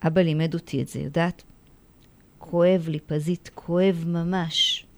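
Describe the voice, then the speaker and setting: A woman's voice: lowish voice, steady tone, darkish tone, no echo, natural voice. A woman voicing a pained, earnest young schoolboy in a told story, pleading and repeating how much it hurts. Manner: pleading, repeating complaints of pain. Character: boy schoolchild in pain, earnest and devout.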